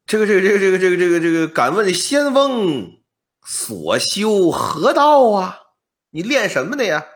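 A man's voice: sits high, sing-song, normal speed. A man voicing a timid, easily frightened scholar who stammers and repeats fillers. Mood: nervous.

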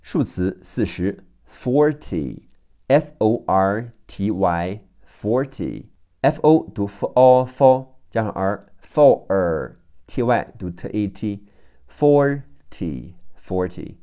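A man with a background teaches English phonics in a very slow, deliberate way. His voice sits a little low, and he spells words out letter by letter before repeating each one carefully. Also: expressive, warm tone. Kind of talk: phonics vocabulary lesson.

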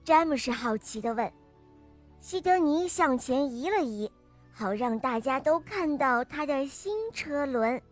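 High-voiced woman telling a children's story. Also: measured pace, soft background music. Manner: bright, lively storytelling voice. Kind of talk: scripted children's story narration.

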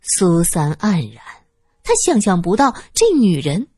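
A woman narrating a serialized story in an expressive, lively storytelling voice. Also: on the low side, measured pace, slightly rough, no echo, studio quality.

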